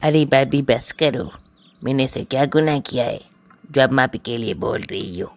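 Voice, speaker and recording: Brief: male actor as irritated young man, mid-pitched, dismissive and exasperated. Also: vocal fry, close to an everyday voice. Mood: mocking. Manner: impatient, exasperated. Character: impatient young man, dismissive, busy with work. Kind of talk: comedy skit acting.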